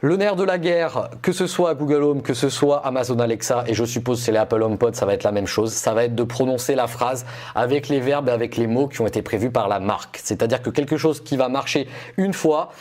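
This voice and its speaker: A man's voice: medium pitch, a little fast, a little mellow. Man presenting a casual tech review. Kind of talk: casual explanatory product review to viewers.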